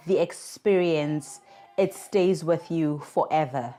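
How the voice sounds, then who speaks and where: A South African woman in her thirties, who does communications for a mothers' charity, shares her own story as a podcast guest over a remote connection. Her deep, warm voice moves slowly and earnestly, reflective in tone, with soft music playing underneath.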